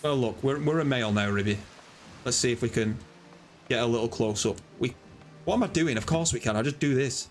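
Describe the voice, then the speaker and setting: A man's voice: mid-range voice, a little fast, faint music behind. A man live-streaming a game, chatting casually in a rambling, self-deprecating way.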